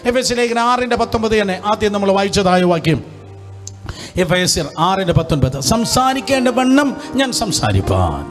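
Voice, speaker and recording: A man's voice: high-pitched, sing-song, normal speed, faint music behind. A man with a Malayalam accent preaching a Bible study sermon, leading the congregation to repeat phrases back and exclaiming hallelujah and praise often. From India. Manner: repetitive call-and-response, leads congregation in repeating phrases. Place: hot room with lights and fans.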